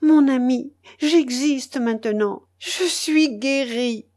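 A woman's voice: sits high, slow pace, a little mellow, voice pushed up. A woman voicing an overwrought noblewoman and mother in a read-aloud novel, pleading with breathless, rising cries. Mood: exalted.

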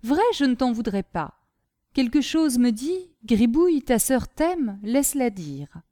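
Gribouille, a simple-hearted young servant boy, eager and rambling, with a raised, innocent pitch, as a woman reads him. His voice is warm and mellow, and it sits dry and close. This is storybook reading. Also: sing-song, unhurried, no echo. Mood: naive, earnest. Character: simple-minded, earnest young male servant.

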